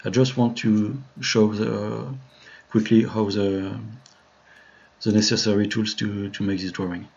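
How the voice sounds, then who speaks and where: A man with a French accent talks slowly, in a lowish voice, as he walks viewers through a modeling tutorial on a live stream. He hesitates often, filling gaps with "uh" and restarting his sentences. The audio is dull and lo-fi. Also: flat delivery, gravelly, a little mellow. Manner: hesitant, many fillers and restarts, friendly to chat.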